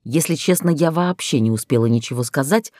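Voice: medium pitch, animated, a little fast, a little mellow, no room sound, studio quality. Wry first-person audiobook narrator. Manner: wry, conversational storytelling. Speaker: audiobook reader.

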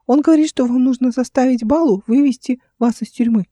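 A woman voicing a frightened small boy servant who talks in a high, squeaky, breathless plea. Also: fairly quick, mellow, dry recording. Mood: distressed. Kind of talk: audiobook character voice.

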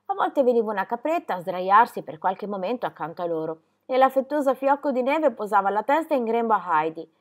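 A woman reading a children's novel aloud with expressive storytelling. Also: mid-range voice. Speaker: reader. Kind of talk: audiobook narration.

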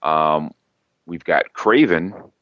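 A man with an extremely deep, low voice chats casually as a podcast co-host about comics news. He rambles and restarts his sentences often. The sound is dry and a little dull, with no room echo. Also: extremely slow. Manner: rambling, self-correcting, laughs easily.

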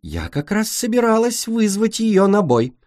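A proud young dragoness boasts she would have won, as a man voices her. Her voice sits high and sure of itself. It sounds close and dry. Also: huge pitch swings, unhurried, a little mellow, dry recording, heavily acted. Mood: confident. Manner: self-assured.

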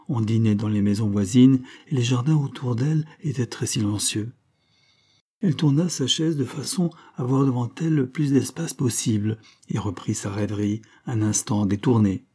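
A man reading a classic novel aloud as an audiobook narrator, in measured, steady storytelling. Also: medium pitch, breathy edge. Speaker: audiobook reader.

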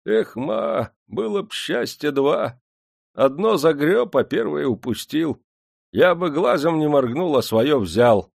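A man's voice: a little high, lively intonation, slow pace, gravelly, darkish tone, dry recording, studio quality, pitched above the performer's own voice, exaggerated voice. A man voicing a bold, superstitious old factory worker with raised, sing-song folk speech. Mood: rueful, bold.

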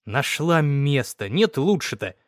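A man's voice: medium pitch, animated, a little slow, no room sound, clean studio sound, lightly acted. A man doing a sullen, grumbling young peasant. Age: young adult. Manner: grumbling, moody.

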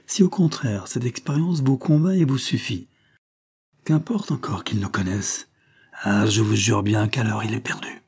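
A man voicing a tense, brusque police agent who speaks hard and urgent, raising his pitch above his narrating voice. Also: normal speed, a little mellow, slightly rough. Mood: brusque, intense.

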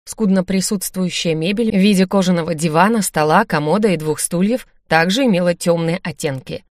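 A woman narrating a fantasy audiobook in first person with lively, expressive delivery. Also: lowish voice, a little fast, no echo, clean studio sound.

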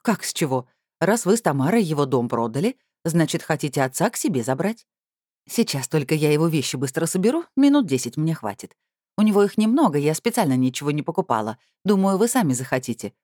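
A woman reading an audiobook, voicing a sly, mocking woman who feigns innocence with a bright, teasing, raised voice. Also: sits low, big pitch swings, fast talker, no echo, studio quality. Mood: feigned joy. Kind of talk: audiobook character voice.

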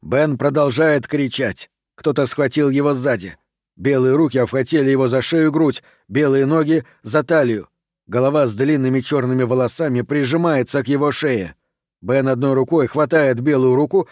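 A man narrating a horror audiobook in an even, steady reading voice. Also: medium pitch, moderate pace, dry recording, studio quality.

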